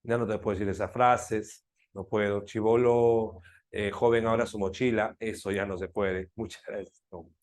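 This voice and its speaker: A man's voice: lowish voice, level tone, normal speed, darkish tone. Joking Peruvian man teaching a class. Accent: Peruvian Spanish. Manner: teasing, jokey, often asks students to confirm. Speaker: language teacher. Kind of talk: live class lecture.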